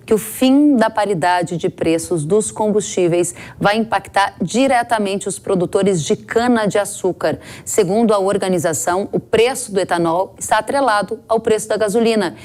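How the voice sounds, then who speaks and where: A woman anchoring a farm news program, reading the headlines and reports in a measured, formal way. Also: mid-range voice, darkish tone.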